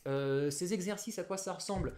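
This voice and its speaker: A man's voice: sits high, brisk, darkish tone, slight background noise. A man teaching a Japanese lesson on a live stream, explaining patiently with many fillers.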